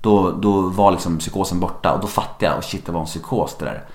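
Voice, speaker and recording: A man telling a personal story in casual talk, animated and swearing freely. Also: low-pitched, echoey room.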